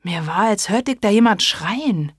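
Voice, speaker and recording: A woman doing a gruff monster with a Berlin twang. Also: medium pitch, expressive, a little slow, dry recording, clean studio sound. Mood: wary. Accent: Berlin dialect. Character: big gruff hungry monster, slow-witted.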